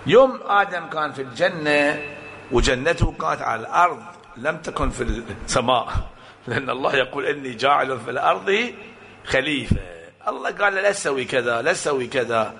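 Animated preacher, bright voice. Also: male voice, mid-range voice, fairly quick, vocal fry. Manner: animated storytelling with acted-out quotes and rhetorical questions. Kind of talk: sermon to a congregation.

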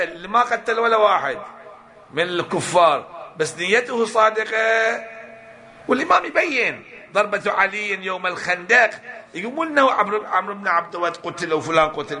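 A man's voice: high voice, bright, forceful tone. A man giving a religious lecture, emphatic, often asking and then answering his own rhetorical questions. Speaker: preacher.

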